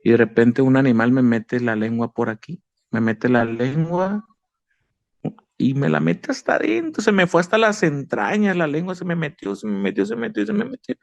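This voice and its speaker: A man's voice: medium pitch, sing-song, normal speed, gravelly, no room sound. A man giving an emotional personal faith testimony, earnest and repetitive, calling the listener brother. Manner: earnest, repeats himself, addresses the listener as brother.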